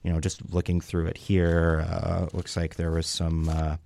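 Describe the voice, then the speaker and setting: A man presenting a mock report in a deadpan comedic radio bit, hesitating and restarting as he reads from his notes. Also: low voice, normal speed, gravelly, background noise. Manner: hesitant, full of ums and restarts, reading from notes.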